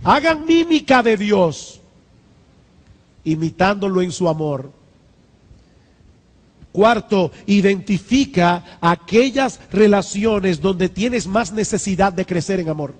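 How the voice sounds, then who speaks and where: A man's voice: sits high, lively intonation, takes it slowly, long pauses. A man preaching a sermon as pastor, emphatic, repeating key lines and building to fervent exhortations. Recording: church hall with long reverb.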